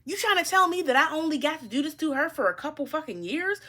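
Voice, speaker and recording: A woman's voice: sits high, very animated, fast talker, bright, forceful tone, voice pushed up, exaggerated voice. A woman voicing a scornful former enemy, sneering and incredulous. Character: scornful former enemies, mocking and bitter.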